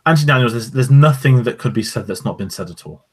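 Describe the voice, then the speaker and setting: Fast-talking man in casual podcast chat. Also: medium pitch, animated, breathy edge. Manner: quick, rambling, opinionated. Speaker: podcast co-host. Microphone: podcast microphone.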